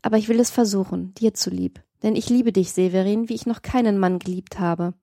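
A woman's voice: mid-range voice, fairly even intonation, a little fast, gravelly, warm tone, no echo, clean studio sound, natural voice. A woman voicing a proud, commanding young woman in an audiobook, speaking sharply and imperiously. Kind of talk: audiobook reading.

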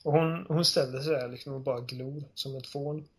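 A man's voice: mid-range voice, steady tone, slightly rough. A man casually discussing a video game, retelling its scenes with lots of enthusiasm and fillers.

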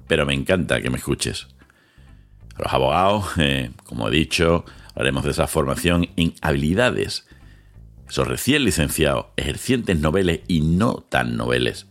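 A very low-voiced man opens his podcast with a lively, swinging delivery, slowing down for emphasis and then rattling off quick lists. He speaks close into a studio mic while soft music plays under him. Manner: dramatic pauses, swings between slow emphasis and quick lists. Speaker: podcast host, lawyer. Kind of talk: podcast introduction monologue. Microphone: studio microphone with headphones.

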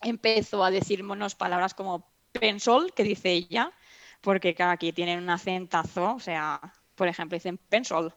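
A woman from Spain, chatting as an interview guest and telling animated stories. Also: lowish voice, normal speed, no echo, highs cut off. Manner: chatty, animated storytelling with restarts. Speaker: interview guest, mother and teacher. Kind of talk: casual interview chat.

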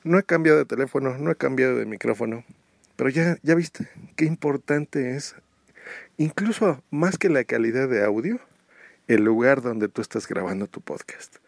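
A man's voice: mid-range voice, normal speed, vocal fry, no room sound. A Mexican man giving casual podcasting advice, talking into his phone and asking the listener rhetorical questions. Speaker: podcast host.

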